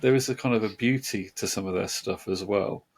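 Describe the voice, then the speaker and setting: Co-host, male, lowish voice, hesitant and wordy, thinking aloud in relaxed music chat. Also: brisk. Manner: hesitant, searching for words, many restarts. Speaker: podcast co-host.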